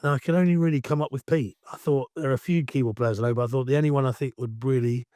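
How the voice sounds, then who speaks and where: A middle-aged Essex man speaks with a croaky, allergy-roughened voice, chatting on as an interview guest. He rambles freely and calls himself the loudmouth. The sound is dry and close, with no room echo. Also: mid-range voice, fairly even intonation, racing. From Essex, England. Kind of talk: casual interview chat.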